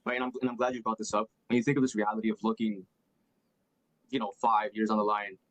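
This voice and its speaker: A man's voice: lowish voice, little pitch movement, fast talker, a bit bright, dry recording, low-quality recording. A young man working as a sales closer on a call, asking probing questions and repeating himself with many fillers. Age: young adult.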